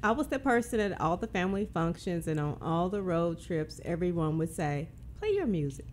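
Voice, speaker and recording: A woman's voice: on the low side, moderate pace, darkish tone, a little hiss or hum. A woman DJ on a radio show's crew, chatting casually and retelling a story. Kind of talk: casual chat. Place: radio studio.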